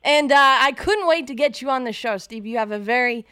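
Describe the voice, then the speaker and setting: A woman hosting a radio talk show from a studio, chatty and quick to laugh. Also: on the high side, animated, a bit bright, clean tone, no room sound.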